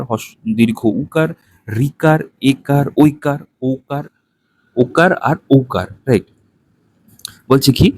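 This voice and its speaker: A man, walking through a textbook page in a lesson, ending nearly every point with a quick tag question and counting items aloud. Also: mid-range voice, darkish tone. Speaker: teacher.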